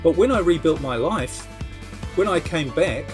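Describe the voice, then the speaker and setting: A New Zealand man with a local accent is interviewed on a podcast as an entrepreneur coach, chatting conversationally. His fairly high voice is animated and moderately paced, and music plays underneath.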